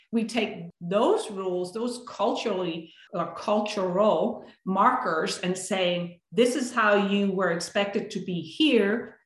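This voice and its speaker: A woman from Denmark, a coach talking earnestly in a podcast conversation and often checking in with "right?". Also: medium pitch. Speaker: guest, coach for high achievers. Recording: roomy, echoey sound.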